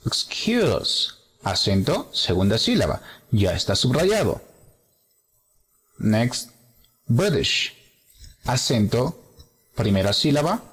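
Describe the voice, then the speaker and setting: A man teaching an English lesson, speaking slowly and patiently as he walks through each exercise. His pitch rises and falls a lot as he stresses words, and the room adds a long reverb tail behind him. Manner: slow, explanatory, switches between English examples and Spanish explanation. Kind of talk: bilingual grammar lesson walkthrough.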